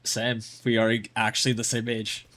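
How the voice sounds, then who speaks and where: A man's voice: mid-range voice, monotone, moderate pace, fairly bright tone. A man coaching a player through their gameplay in a casual, blunt way, full of "like" fillers. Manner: blunt, chatty, lots of fillers like "like". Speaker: game coach.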